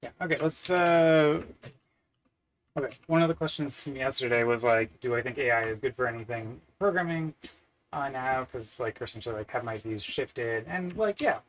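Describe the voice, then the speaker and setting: A man's voice: mid-range voice, lively intonation, moderate pace, poor audio. A man, thinking aloud while coding on a live stream, muttering to himself with many fillers and wry self-deprecating asides. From Canada. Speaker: software developer live-streaming. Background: keyboard typing.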